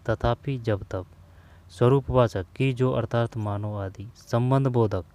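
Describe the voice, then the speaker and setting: A male teacher works through a grammar lesson, reading out lists of words and repeating key terms to drill them in. He talks at a very slow, deliberate pace, now and then urging his listeners to memorize. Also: medium pitch, warm tone.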